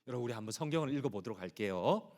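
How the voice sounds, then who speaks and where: A man preaching a sermon as pastor, reading scripture slowly and moving between hushed and loud passionate appeals. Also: mid-range voice, expressive. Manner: reads scripture slowly and emphatically.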